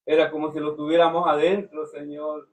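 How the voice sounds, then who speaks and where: A man's voice: a little high, little pitch movement, recorded from a distance, poor audio. A man giving a fervent devotional testimony, often breaking in with praise to the Lord. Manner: fervent, slow, frequent "Señor" interjections. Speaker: church member giving testimony.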